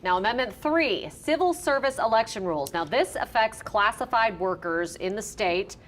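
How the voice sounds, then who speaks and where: A woman's voice: mid-range voice, lively intonation, moderate pace, fairly bright tone, slight background noise. A woman anchoring live election results, steering the discussion in an organized way. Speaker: news anchor hosting election coverage.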